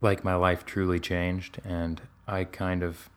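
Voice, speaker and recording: Casting: man with a very low voice, candid and rambling, casual podcast chat. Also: little pitch movement, slow pace, smooth. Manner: candid, rambling with many fillers and restarts.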